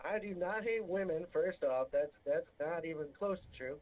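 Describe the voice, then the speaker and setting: Man, caller on car Bluetooth, tinny phone-line sound, high voice, insistent and hurried. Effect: Bluetooth phone call from a car. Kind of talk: casual call-in chat. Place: in a moving car.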